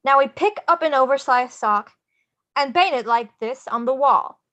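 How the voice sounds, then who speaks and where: A woman playing an excitable, theatrical showman in a musical script read, with declamatory, singsong phrasing. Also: sits high, moderate pace. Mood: insistent, explaining. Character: Jack, theatrical, excitable showman leader of Halloween Land.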